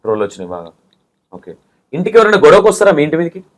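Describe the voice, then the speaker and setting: Blunt, fast-talking man anchor. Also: a little high, huge pitch swings. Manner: blunt, pressing, scolding. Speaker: interview anchor. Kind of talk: confrontational interview questioning.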